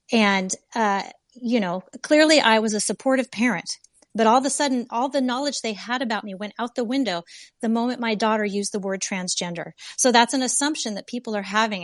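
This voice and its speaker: A woman's voice: on the high side, no echo. A woman and mother on a discussion panel, speaking in a heartfelt, insistent way. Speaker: parent panelist.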